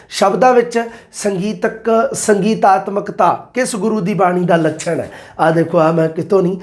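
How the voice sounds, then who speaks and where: Man, high voice, exam tutor, slow verse quoting. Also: a little mellow. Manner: addresses listeners as "bai", quotes verses slowly. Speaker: exam prep teacher. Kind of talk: explaining multiple-choice answers.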